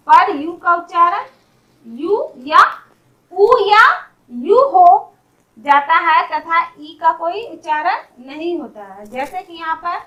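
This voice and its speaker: A woman teaching English pronunciation, saying each word slowly and repeating it, then giving its meaning. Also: extremely high pitch, pushed and bright, rough recording. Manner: slow, careful, repeats each word several times with its meaning. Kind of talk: explaining pronunciation rules.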